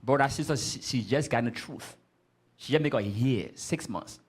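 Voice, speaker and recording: A man's voice: mid-range voice, normal speed, husky. A man leading a scripture class, speaking emphatically and often stopping to prompt the reader. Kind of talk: street-corner style Bible class teaching.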